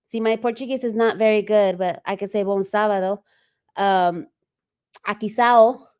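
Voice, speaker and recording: A woman hosting a relaxed livestream, her voice smooth and clear. She talks loosely and stops often to read viewer comments aloud, filling pauses with ums and uhs. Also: mid-range voice. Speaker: livestream host. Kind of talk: casual livestream chat.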